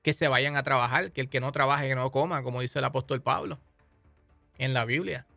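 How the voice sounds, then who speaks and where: A man's voice: mid-range voice, steady tone, a little fast, gravelly, sharp tone, no room sound, faint music behind. A man with a Puerto Rican accent hosting a podcast, delivering an impassioned, scolding political monologue. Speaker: podcast host.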